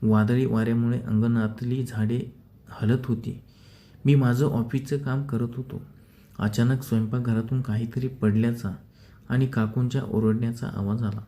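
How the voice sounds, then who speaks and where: A man narrating a first-person story in a measured, steady reading style. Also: medium pitch.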